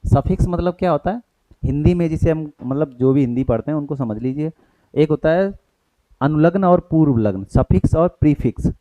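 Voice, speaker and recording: A man's voice: on the high side, normal speed, warm tone, no room sound, muffled recording. A man with an Indian accent teaching an exam-prep grammar lesson, explaining in Hindi with English terms and asking and answering his own questions.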